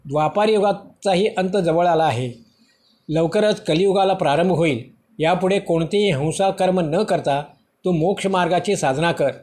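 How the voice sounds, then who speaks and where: A man's voice: high-pitched, normal speed, darkish tone, natural voice. A man reading the words of the god Krishna, who gives solemn instructions to a royal sage, in a voice close to his own. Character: divine king Krishna, calm commanding man.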